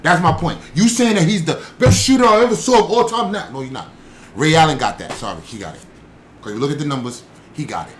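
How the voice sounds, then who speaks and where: A man's voice: fairly high pitch, animated, fast talker, a bit bright, a little hiss or hum. A young man co-hosting a podcast, arguing his points in an assertive, emphatic way during a casual debate. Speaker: podcast co-host.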